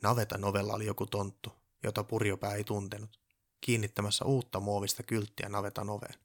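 Low, gravelly male storyteller. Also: flat delivery. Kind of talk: storybook narration.

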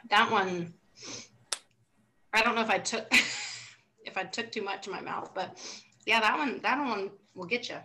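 A woman with a bright, sharp-edged voice chats casually on a podcast. She rambles and laughs as she hunts for the right words to describe a drink. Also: mid-range voice, measured pace, long pauses, poor audio. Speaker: podcast co-host. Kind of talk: casual chat.

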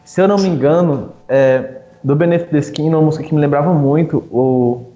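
A man co-hosting a podcast, chatting in a relaxed, slangy, enthusiastic way about live music over a call. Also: on the high side, fairly quick. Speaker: podcast co-host. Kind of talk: casual chat. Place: remote video call. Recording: echoey, dull home mic.

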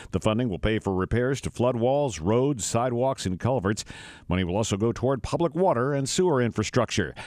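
A man's voice: medium pitch, expressive, brisk, a little mellow, dry recording, studio quality. A man reading a scripted radio news bulletin in a formal announcer cadence.

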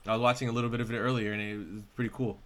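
A man co-hosting a podcast in casual chat, excitable and rambling, swearing often. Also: mid-range voice, racing. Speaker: podcast co-host.

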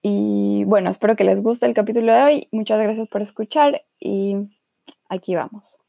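A woman's voice: medium pitch, moderate pace, creaky, dry recording, narrow, tinny audio. A young woman from Ecuador hosting a casual podcast, talking reflectively with fillers about living on her own as a student. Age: young adult. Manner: reflective, talks with many fillers. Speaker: podcast host. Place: Germany.

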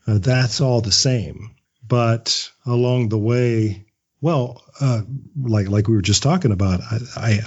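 A man with a lowish, husky voice, recorded with the highs cut off, appears as a podcast guest. An audio drama writer who also teaches script writing, he gives casual, reflective interview answers and often repeats words as he thinks.

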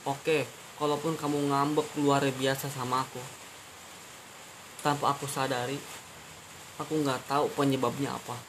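Earnest halting man, flat voice. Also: mid-range voice. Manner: halting, earnest, repeats phrases and restarts often. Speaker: podcast host. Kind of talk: personal monologue addressed to his girlfriend. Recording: steady hiss behind the voice.

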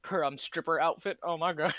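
A man's voice: a little high, fairly even intonation, a little fast, fairly bright tone, no echo. Rambling, profane young man on a podcast. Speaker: podcast co-host. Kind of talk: casual podcast chat.

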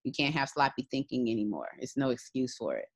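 A woman's voice: very deep voice, expressive, fairly quick, slightly rough, no echo. A woman in her thirties, talking as an interview guest in a reflective, rambling way with many fillers. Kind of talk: casual conversation.

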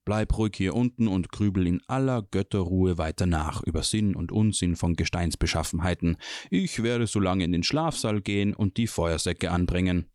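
A man voicing a big gruff male warrior, blunt and grumbling, in a curt manner for a fantasy audiobook. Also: sits low, moderate pace, darkish tone, no room sound, studio quality, close to an everyday voice.

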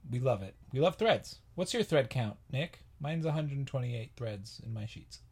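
A man co-hosting a comedy podcast, deadpan and quick in casual chat. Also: mid-range voice, breathy edge. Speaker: podcast co-host.

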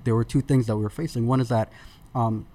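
A Sudan-born man in his thirties talks as a podcast guest. His voice sits at an ordinary pitch for a man, and he speaks in a loose, relaxed, chatty way, pausing on fillers and starting sentences over as he goes. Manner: relaxed, with frequent fillers and restarts. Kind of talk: conversational storytelling.

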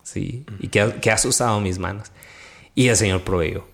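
Man, devotional host, animated storytelling. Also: on the low side, moderate pace, creaky. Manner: animated storytelling, quotes his own prayers. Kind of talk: conversational testimony.

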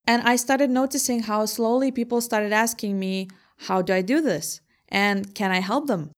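A young woman from Lithuania, an entrepreneur, answering interview questions in a measured, thoughtful way and laughing easily. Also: fairly high pitch.

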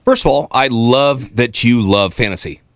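A man co-hosts sports radio, arguing casually yet emphatically and often repeating himself. His mid-range voice moves at a moderate pace, captured dry and close on a studio broadcast microphone.

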